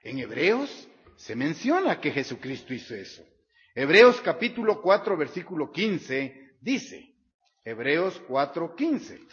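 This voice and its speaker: A man's voice: on the high side, sing-song, slow pace. Man preaching in a reverberant hall. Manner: reads scripture aloud and repeats verse references. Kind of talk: sermon. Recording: dull sound with long hall reverb.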